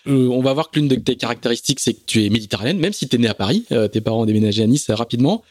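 A male host asks his questions quickly and informally, often restarting his phrases as he goes. His voice is recorded close and dry, with a fast pace and an ordinary pitch. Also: expressive, a little mellow, dry recording. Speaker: podcast host, interviewer. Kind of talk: casual interview conversation.

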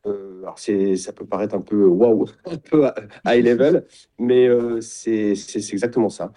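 A middle-aged man, a guest in an interview, talking in a reflective way and often pausing to search for words. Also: lowish voice, dark tone. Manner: describes himself as introverted. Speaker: guest, sailing retreat founder. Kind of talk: casual interview talk.

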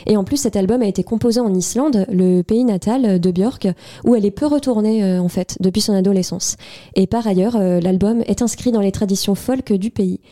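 A woman's voice: medium pitch, fairly quick, dark tone. Playful young woman radio co-host. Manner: playful, makes puns about her own script. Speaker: radio music show co-host. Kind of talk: presenting music releases on radio. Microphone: studio microphone.

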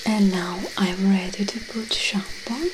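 A woman gives a hairdressing ASMR roleplay entirely in unvoiced whispers. She drags every word out very slowly. The clip carries clear ambient noise. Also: medium pitch, fairly even intonation.

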